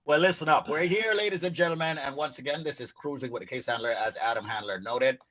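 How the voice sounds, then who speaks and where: A man co-hosting a live legal radio show, joking in lively banter. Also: mid-range voice, fast talker. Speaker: co-host, immigration attorney.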